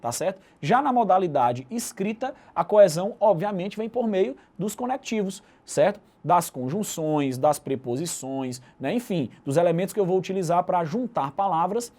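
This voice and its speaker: Mellow Brazilian man teaching. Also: high voice, expressive, normal speed, hardly any pauses. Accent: Brazilian Portuguese. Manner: explanatory, ends phrases with tag questions. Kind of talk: recorded video lecture.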